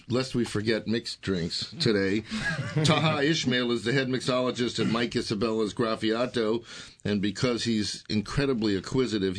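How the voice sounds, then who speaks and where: A man co-hosting a food talk show, introducing guests and cracking wry jokes. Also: on the low side. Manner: joking, wry. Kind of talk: casual radio chat.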